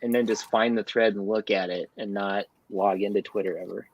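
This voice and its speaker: Co-host: husky man, chatty, dry muffled lo-fi mic. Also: fairly low pitch, steady tone, a little fast, dry recording. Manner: laughs often, explains art at length. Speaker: comic podcast co-host. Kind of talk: casual chat. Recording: dull, lo-fi dry sound.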